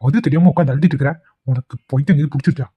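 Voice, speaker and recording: A man voicing a husky, fast-talking bully son. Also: fairly high pitch, dry recording, lo-fi sound. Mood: angry. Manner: harsh, threatening. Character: arrogant, bullying middle-aged son. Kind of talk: cartoon voice acting.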